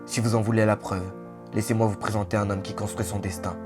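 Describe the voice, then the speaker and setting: A man narrating a documentary in a dramatic, measured scripted delivery. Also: lowish voice, flat delivery. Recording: voice-over under loud music.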